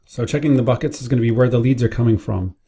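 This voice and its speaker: Speaking fast in a warm, husky medium-pitched voice, this man narrates a relaxed screen-share tutorial for his staff as a business owner, explaining each step informally. Keyboard and mouse clicks sound from his indoor computer setup.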